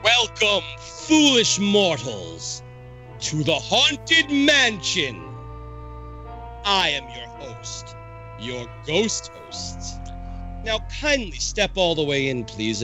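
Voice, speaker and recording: A man's voice: on the high side, wildly swooping pitch, slow pace, sharp tone, soft background music, heavily acted. A man playing a sinister, theatrical ghost who hosts a haunted tour, drawling and gloating with cackling laughs. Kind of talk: amateur reenactment of a ride narration.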